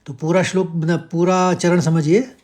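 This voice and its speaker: A man teaching how to pronounce a Sanskrit verse, breaking words into sounds and chanting each line slowly. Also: high-pitched, flat delivery. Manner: explains syllable by syllable, chants verses slowly and louder. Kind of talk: slow pronunciation lesson with chanted verse.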